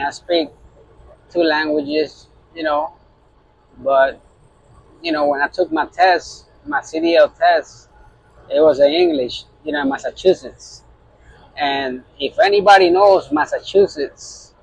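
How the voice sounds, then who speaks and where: This is casual vlog talk from a Puerto Rican man, a truck driver speaking to his phone in a loose, rambling way with many fillers and restarts. He has a creaky voice on the high side, and the low-quality recording has a little hiss or hum.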